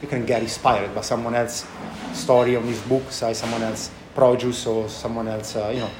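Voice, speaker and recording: Recorded in an echoey room amid background noise, an Italian chef who owns a restaurant gives casual interview answers. He speaks at medium pitch with a flat delivery, haltingly and with non-native phrasing in a thick Italian accent.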